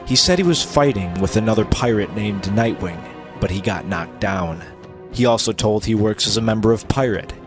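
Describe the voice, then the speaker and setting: With music playing behind him, a man gives a theatrical, dramatic reading of an amateur pirate story. His voice is lowish and expressive, and he keeps a moderate pace.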